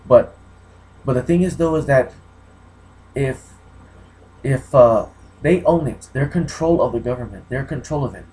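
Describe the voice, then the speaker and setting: A man's voice: mid-range voice, measured pace, pauses often, dark tone, low-quality recording. A man from New Mexico giving an unscripted vlog monologue, rambling and often repeating himself and restarting. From New Mexico, USA. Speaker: vlogger.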